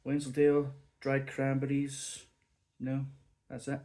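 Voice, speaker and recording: Speaking at a measured pace with a warm, medium-pitched but completely flat delivery, a man taste-tests cheese and crackers in a casual home food vlog. He's a chatty reviewer who muses out loud between bites. Traces of a bug linger in his cough and sniffles.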